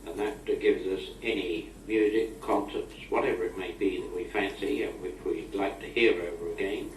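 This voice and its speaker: On an old amateur tape that sounds roomy, distant, and noisy, a middle-aged or older British man talks as if sending an informal spoken letter to a friend. His deep, darkish voice is chatty, wry, and old-fashioned.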